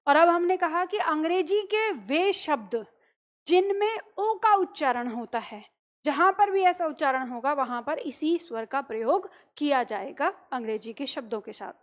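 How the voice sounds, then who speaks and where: A woman with a high voice gives a classroom-style grammar lesson. She works through each point slowly, puts questions to her listeners and then answers them herself. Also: expressive. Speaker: Hindi teacher.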